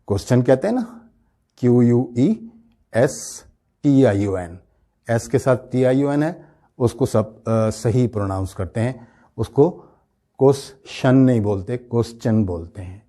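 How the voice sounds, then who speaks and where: A man giving a pronunciation lesson, slow and deliberate, stretching out the words he demonstrates and asking rhetorical questions. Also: medium pitch, animated, dark tone. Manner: explanatory, asking rhetorical questions and checking with "right?". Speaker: English teacher.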